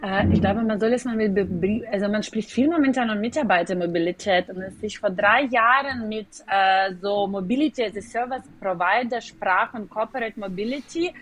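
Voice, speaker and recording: Speaking at normal speed with few pauses, a Ukrainian-accented woman executive talks at length as a podcast interview guest, her German slightly non-native and marked by hesitations. Her voice is mid-range, and the low-quality recording carries slight background noise.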